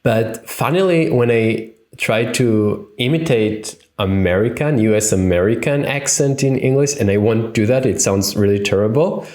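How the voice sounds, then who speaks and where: Speaking at normal speed with few pauses, this Israeli-accented instructor in his thirties has a medium-pitched, darkish voice. He's running a conference tutorial over a webcam call from indoors at home, reasoning aloud with lots of fillers and restarts amid roomy echo.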